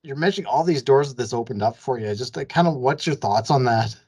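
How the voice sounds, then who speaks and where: A woman interviewer asking loose, relaxed questions with fillers. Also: a bass voice, quick pace, husky. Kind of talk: casual interview.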